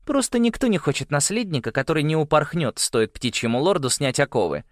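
Male narrator doing a blunt scornful noble girl, high and forceful. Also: sing-song, brisk, no room sound, studio quality. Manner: blunt and contemptuous.

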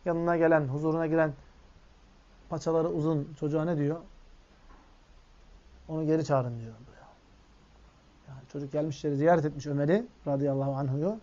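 A man gives a sermon in a somewhat high voice. He recites Arabic quotes, explains them line by line, and calls his listeners friends. The recording sounds dull and lo-fi. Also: level tone, quick pace, long pauses, warm tone. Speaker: Islamic preacher.

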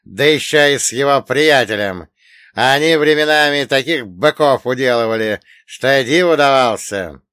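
In an audiobook, a man voices a sneering middle-aged oligarch, medium-pitched, slow and smooth but cold and contemptuous. He mocks scornfully, barking sharp words louder than the surrounding narration, in a dry, close recording.

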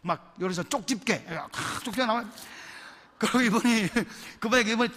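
A man, a pastor, telling stories in a lively, chatty sermon in a church. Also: sits high, normal speed. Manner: animated, chatty, laughs while telling. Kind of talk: sermon storytelling. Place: church sanctuary. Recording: long church hall reverb.

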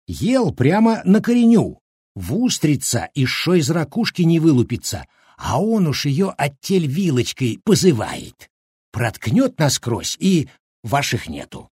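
Brief: old male Cossack cook, sly braggart, shrill and husky, dry storybook read. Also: darkish tone, no echo, exaggerated voice. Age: older. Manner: squeaky, rustic, bickering.

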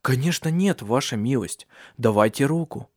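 A hurried, deferential manservant, anxious to help, as a man voices him. His voice rises a little above the narrator's. The sound is close and dry. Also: medium pitch, animated, darkish tone, no echo, close to an everyday voice. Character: anxious male household servant.

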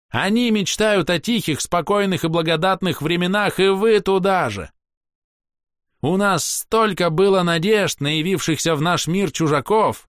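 A haughty elf with a ringing voice, pitched well above the reader's own and declaiming every phrase, as a male narrator puts him on. He is grandiose, capricious and full of spite. The reading is dry and close. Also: fairly bright tone, clear, resonant tone, dry recording. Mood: scornful. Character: proud theatrical elf man, spiteful and vengeful.

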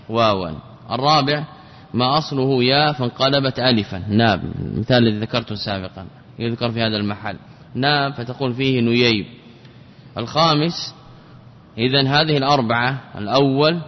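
A man teaching an Arabic grammar lesson, repeating each example word slowly as he explains it. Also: mid-range voice. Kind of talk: classroom lesson. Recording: dull lo-fi recording with long hall reverb.

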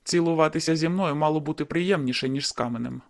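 Woman doing a young man, cocky, stubborn, lowered voice, insistent, teasing, audiobook. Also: fast, darkish tone.

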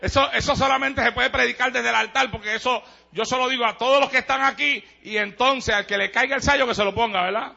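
A man pastor with a Puerto Rican accent, preaching in an emphatic, joking way with sudden shouts. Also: extremely high pitch, steady tone, fast, vocal fry. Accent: Puerto Rican Spanish. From Puerto Rico. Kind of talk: sermon. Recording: dull lo-fi sermon recording.

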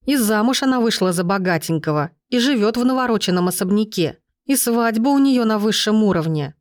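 A woman's voice: mid-range voice, animated, fairly quick, no echo, clean studio sound, pitched above the performer's own voice, natural voice. A woman voicing a spiteful, envious young woman. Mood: bitter whining. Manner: spiteful, whining, raised voice. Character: scheming bitter young woman, envious sister.

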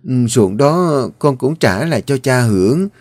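A man's voice: mid-range voice, lively intonation, a little slow, darkish tone, dry recording. A man voicing a devoted young daughter. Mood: tender.

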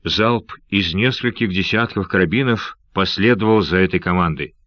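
A low-voiced male narrator reading an adventure story in a steady, measured manner. The recording is dry with no room sound and a slightly dull, lo-fi tone. It sounds like a classic audiobook. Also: dry recording. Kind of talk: scripted narration of an adventure novel.

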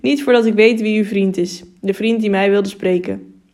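A woman's voice: medium pitch, fairly even intonation, moderate pace, darkish tone, lightly acted. A woman reading the part of a stubborn, brave young man who speaks firmly and with a raised voice. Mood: bold. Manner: firm, defiant, raised voice.

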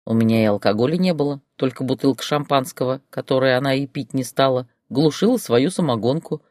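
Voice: medium pitch, brisk, a little mellow, no echo, studio quality, close to an everyday voice. A reader as a sulky, sardonic young man. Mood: grumbling.

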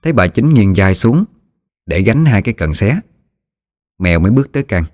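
A man narrating a ghost story in a steady storytelling manner. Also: lowish voice, a little fast, dry recording, studio quality. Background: soft music.

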